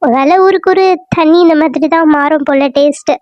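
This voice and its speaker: Cartoon serial: woman voicing a chatty, carefree young woman with a high voice and a dry take. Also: fairly quick, dry recording, muffled recording, lightly acted. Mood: bubbly. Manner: chatty, bubbly.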